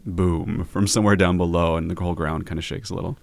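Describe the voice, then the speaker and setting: A man's voice: deep voice, fairly even intonation, quick pace, gravelly, no room sound, clean studio sound. A man narrating casually as game master, easygoing and improvising his descriptions as he goes.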